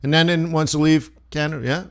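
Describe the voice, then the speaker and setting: Here the trading-stream host has a fairly high, fairly bright voice that stays steady and moves briskly. He chats casually with his viewers and answers their questions, rambling in a friendly, loose manner with many false starts.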